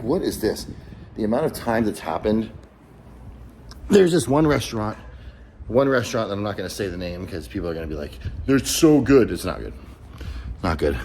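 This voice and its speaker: Young man, lowish voice, blunt and profane, casual vlog rant, faint background hiss. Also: darkish tone, low-quality recording. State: out of breath. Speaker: vlogger.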